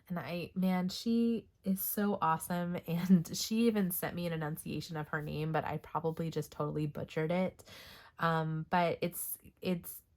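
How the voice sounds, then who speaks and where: A woman's voice: deep voice, darkish tone. A woman with a Texas accent chatting casually about her coloring pages, rambling with lots of ums and coughing now and then while she recovers from being sick. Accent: Texan. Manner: rambling, filler-heavy with frequent ums. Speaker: coloring book vlogger. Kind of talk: casual show-and-tell chat.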